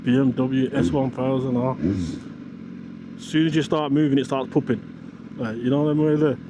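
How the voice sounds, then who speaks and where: A British man giving slangy, excitable, off-the-cuff commentary while riding a motorcycle, with wind on the mic. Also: medium pitch, moderate pace, dull audio. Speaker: motorcycle vlogger. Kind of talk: casual riding commentary, thinking aloud. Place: outdoors, riding a motorcycle on the road. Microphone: action camera microphone while riding. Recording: wind and engine noise on mic. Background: motorcycle engine and traffic noise.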